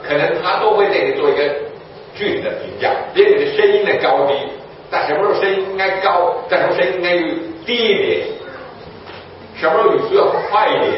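High-voiced man preaching in an echoey hall. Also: a little hiss or hum. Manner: asks rhetorical questions and answers them. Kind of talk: sermon teaching. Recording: echoey room from far off, dull lo-fi.

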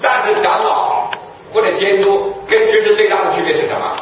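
A man's voice: high-pitched, wildly swooping pitch, a little fast, a faint crowd, a little hiss or hum. A man preaching a sermon, teaching a church audience and often asking rhetorical questions, then answering them himself. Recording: echoey room from far off, dull lo-fi.

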